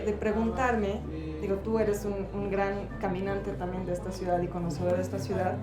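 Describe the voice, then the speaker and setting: A woman with a Mexican accent hosting a book presentation, asking questions in a chatty, animated, slangy way. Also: medium pitch, reverberant. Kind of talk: casual interview.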